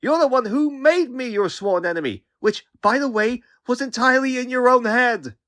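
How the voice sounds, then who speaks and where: Man voicing Spider-Man, high-pitched quippy young hero. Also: very animated, normal speed, fairly bright tone, exaggerated voice. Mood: defensive, riled. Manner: quippy, sarcastic, youthful. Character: young male superhero, wisecracking, earnest, easily riled. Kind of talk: comic book dub acting.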